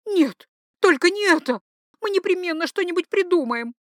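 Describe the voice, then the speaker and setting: A woman voicing a passionate young duchess who pleads, weeps and schemes, in a high, breathless voice. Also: lively intonation, moderate pace, a bit bright, no echo, clean studio sound. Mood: desperate pleading.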